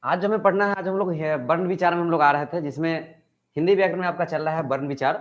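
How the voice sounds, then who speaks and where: In an online grammar lesson, a man with a fairly high voice talks fast over dull audio. He poses questions and answers them himself, acting out example sentences with stress.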